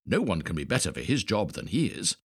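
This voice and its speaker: Man reader as haughty emperor, husky, commanding. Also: sits low, sing-song, fairly quick, no room sound, clean studio sound, heavily acted. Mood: imperious. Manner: imperious. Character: vain, commanding male emperor.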